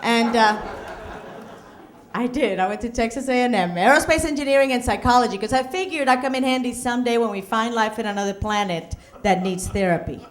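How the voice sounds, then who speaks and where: A woman's voice: on the high side, brisk. A middle-aged woman from Puerto Rico with a Puerto Rican accent performing a stand-up comedy set, with punchy delivery and Spanish asides. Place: comedy club stage.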